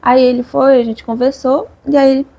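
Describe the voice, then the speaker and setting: A young woman, speaking in a fairly high voice. She chats casually and expressively with her viewers, vlog-style, her voice climbing sharply when the story gets emotional. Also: brisk, vocal fry. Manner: chatty, expressive, swings up high at emotional moments. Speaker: vlogger.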